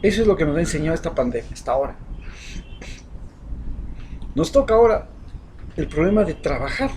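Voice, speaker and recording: A man with an Ecuadorian accent gives a passionate, rhetorical opinion monologue as a social commentator, lurching from loud outbursts to hushed asides. His voice sits on the higher side, very animated and slightly quick, with a faint hiss or hum in the recording.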